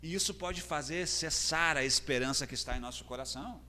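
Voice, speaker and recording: A man's voice: medium pitch, a little fast, pushed and bright. A man with a Brazilian Portuguese accent preaching a sermon as pastor, earnest and building in intensity. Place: church hall. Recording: long church hall reverb.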